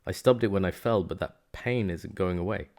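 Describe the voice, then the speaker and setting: A man's voice: low voice, moderate pace, darkish tone. A man doing an anxious young outcast.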